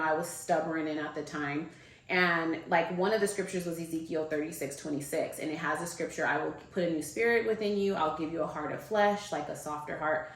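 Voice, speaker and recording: A woman guest telling a personal story in casual conversation, bringing the people she quotes to life in a higher voice. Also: fairly bright tone, roomy sound.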